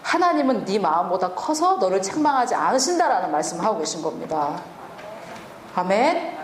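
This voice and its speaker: A woman's voice: medium pitch, sing-song, a little fast, roomy sound, a little hiss or hum. A woman preaching a sermon and teaching from the Bible, asking the listeners questions and answering them herself.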